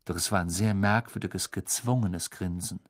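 Ein Mann liest ein Hörbuch ausdrucksvoll und dramatisch vor. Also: male voice, low-pitched, moderate pace, dry recording, clean studio sound. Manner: expressive, dramatic storytelling. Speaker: audiobook narrator. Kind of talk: scripted audiobook narration.

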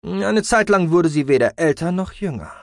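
Brief: a man plays a pompous creaky-voiced alien physician, high and showy; audiobook. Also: lively intonation, normal speed, dry recording, clean studio sound. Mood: boastful. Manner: boastful lecturing. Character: eager, pompous alien male doctor.

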